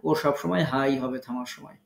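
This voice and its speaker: A man teaching an online Quran recitation lesson, explaining pronunciation rules slowly and repeating them for emphasis. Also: mid-range voice, gravelly, roomy sound.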